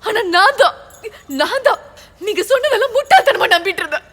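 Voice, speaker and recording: A woman's voice: very high voice, sing-song, moderate pace, sharp tone, in a large hall, heavily acted. An actress dubbing a distraught young mother who turns reproachful and tearful toward her husband. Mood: bitter. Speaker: mother, wife. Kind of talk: dubbed film acting.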